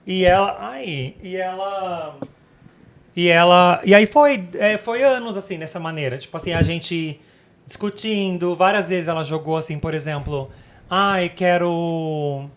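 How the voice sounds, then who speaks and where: A woman in her thirties with a Brazilian accent, co-hosting a podcast and telling a personal story in an animated, dramatic way. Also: lowish voice, moderate pace. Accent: Brazilian Portuguese. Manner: animated, dramatic retelling, acts out quotes. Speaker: podcast co-host. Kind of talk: casual chat, personal storytelling.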